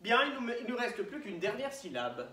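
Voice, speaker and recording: Patient teacher sounding out syllables. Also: female voice, on the high side, very animated, normal speed, bright, forceful tone, recorded from a distance. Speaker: primary school teacher. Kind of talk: classroom lesson for young children. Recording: echoey room, faint noise.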